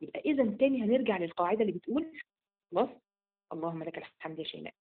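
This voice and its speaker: A woman's voice: medium pitch, animated, rapid-fire, husky. A woman with an Egyptian accent giving a casual religious lesson, firing rhetorical questions and checking in with her listeners. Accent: Egyptian Arabic. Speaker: religious teacher. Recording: tinny phone-like audio.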